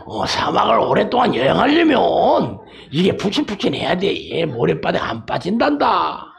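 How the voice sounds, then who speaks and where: A man's voice: sits high, huge pitch swings, moderate pace, vocal fry, full character voice. A man voicing a mother camel patiently explaining things to her calf.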